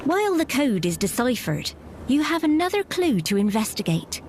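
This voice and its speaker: A woman's voice: high voice, sing-song, normal speed, slight background noise. A woman reading scripted narration for an adventure game as a dramatic storyteller.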